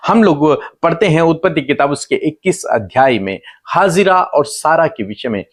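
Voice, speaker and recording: A man's voice: expressive, moderate pace. A middle-aged male pastor preaching a sermon with impassioned repetition. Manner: impassioned, repeating phrases, pitch leaping up for emphasis.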